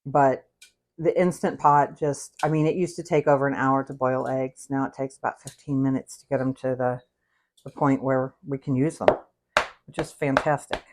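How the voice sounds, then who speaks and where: A very deep, darkish female voice speaks at a moderate pace with a steady tone, against slight background noise. The speaker, an American woman in her sixties, hosts a cooking livestream, chatting in a rambling, candid way and often interrupting herself.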